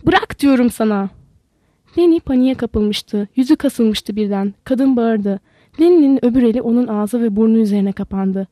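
A woman narrating an audiobook in a steady, even storytelling manner. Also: fairly high pitch, moderate pace, no echo.

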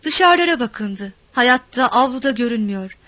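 A woman reading a village story aloud in a measured, expressive narration. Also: on the high side, dry recording.

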